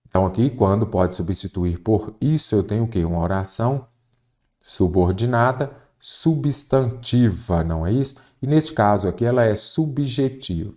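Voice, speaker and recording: A Brazilian man gives an exam-prep grammar lesson, voiced over a screen as he marks up examples. His voice sits fairly low and sounds mellow and dark. He explains step by step and keeps asking and answering his own questions. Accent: Brazilian Portuguese. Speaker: Portuguese grammar teacher.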